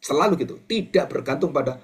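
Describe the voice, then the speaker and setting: A male pastor giving an animated sermon, acting out quoted voices and addressing the congregation directly. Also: fast talker. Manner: animated, acts out quoted voices with big pitch jumps; addresses the congregation as brothers and sisters.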